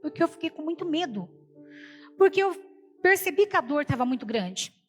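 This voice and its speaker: A woman's voice: high voice, very animated, normal speed, long reverb tail, soft background music. A woman preacher giving an emotional personal testimony in a sermon, retelling the story with many repeated quotes, speaking Brazilian Portuguese. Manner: storytelling, repeats "falei assim".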